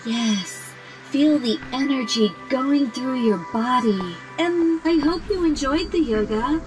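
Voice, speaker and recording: A woman voicing a calm female robot yoga instructor in a video game, speaking in a slow, even, robotic way. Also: high-pitched, rough recording. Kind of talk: video game character dialogue. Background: game music.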